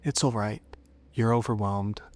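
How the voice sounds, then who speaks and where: A man voicing a seductive, menacing female demon in a horror story, coaxing and cryptic, with soft whispered turns. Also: lowish voice, steady tone, unhurried, close to an everyday voice.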